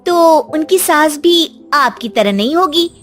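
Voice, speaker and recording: A woman's voice: high voice, expressive, slow, over music, pitched above the performer's own voice. A woman voicing a cheeky young daughter-in-law in a cartoon, sarcastic and talking back.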